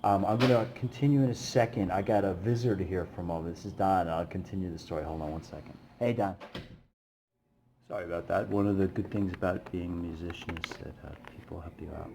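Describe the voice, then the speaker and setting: A man's voice: deep voice, fast, gravelly, noisy background. A man, a busking musician, telling stories casually to camera in a rambling way with many fillers. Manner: rambling, many fillers, animated when retelling.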